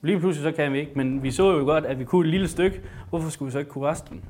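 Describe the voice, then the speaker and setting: A man's voice: fairly high pitch, a little mellow. A man giving an informal, enthusiastic sermon with a Bible reading, talking with many fillers and restarts. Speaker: preacher.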